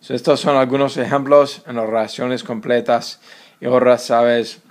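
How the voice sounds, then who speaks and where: A man teaching a recorded Spanish grammar lesson, explaining step by step and slowing down on the example words. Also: mid-range voice, little pitch movement. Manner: explains step by step, says "so" and "right" a lot, slows down on example words.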